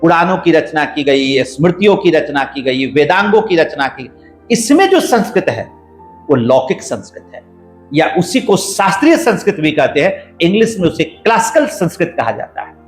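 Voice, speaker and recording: A man speaking as a podcast guest, explaining in a measured, lecturing way and building his points in lists. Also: fairly high pitch, very animated. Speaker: guest scholar. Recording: roomy echo, faint background music.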